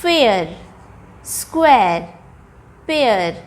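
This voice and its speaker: Indian woman teacher, fairly high voice, unhurried and clear, models each word for young learners. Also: big pitch swings. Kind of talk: phonics lesson for children.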